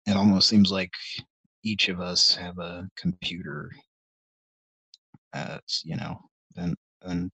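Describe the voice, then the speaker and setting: A man's voice: low-pitched, vocal fry, sharp tone, husky, dry recording, poor audio. A middle-aged man hosting a live stream, rambling in casual chat with many hesitations and wry, self-deprecating asides. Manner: meandering and hesitant, full of ums and restarts. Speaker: host of a live call-in stream.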